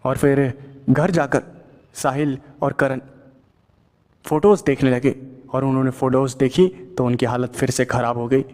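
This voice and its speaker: A man narrating a horror audio story in a plain, steady way, linking events one after another. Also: medium pitch, moderate pace, long pauses, long reverb tail. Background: faint music.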